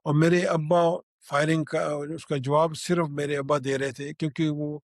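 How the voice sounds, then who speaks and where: An older man from Pakistan, giving an eyewitness recollection in a halting way, with restarts and fillers. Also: on the high side, flat delivery, no room sound, studio quality. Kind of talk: spoken recollection.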